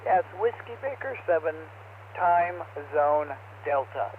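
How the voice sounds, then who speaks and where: A man's voice: sits high, expressive, takes it slowly. Man checking in over a crackly ham radio. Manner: clipped, spells call sign phonetically. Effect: over a ham radio channel with static. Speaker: radio net caller. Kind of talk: call-sign check-in on a ham net. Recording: tinny radio transmission, music behind.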